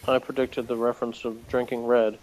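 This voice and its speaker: An episode reviewer chats casually, reading aloud and commenting with dry, sardonic humor. His mid-range, darkish voice is brisk and barely moves in pitch, and the room ambience is clearly noisy.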